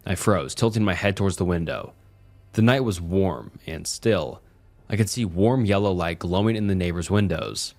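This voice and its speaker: A man reading a scripted first-person horror story in a steady, measured way. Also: low-pitched. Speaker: narrator. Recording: soft music underneath.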